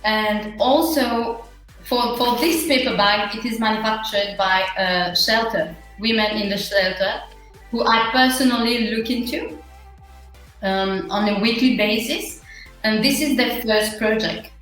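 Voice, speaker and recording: A woman with a Mauritian accent answering interview questions in an earnest, halting, conversational way. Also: medium pitch, fairly bright tone. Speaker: interview guest, small business owner. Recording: very echoey room, faint music.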